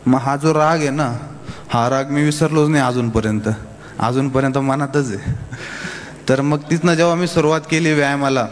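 A man's voice: medium pitch, fairly even intonation, moderate pace. Man telling his life story in an echoey hall. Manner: plain, hesitant storytelling with frequent fillers. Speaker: guest speaker at a youth summit. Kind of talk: storytelling talk to an audience. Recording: echoey hall, faint hiss.

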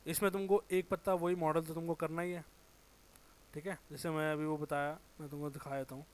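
A man's voice: fairly high pitch, little pitch movement, fairly quick. Man teaching casually with a sore throat. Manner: informal, thinks aloud, self-correcting, drops to a mutter while working. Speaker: 3D software tutor. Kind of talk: casual screen-recorded tutorial.

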